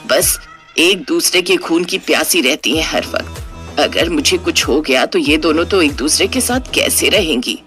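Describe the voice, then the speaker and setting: A woman voicing a worried mother who has become a witch spirit, speaking low and fretfully. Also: lively intonation, measured pace, a bit bright, faint music behind. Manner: low, fretful, scolding muttering. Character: worried widowed mother turned ghostly witch.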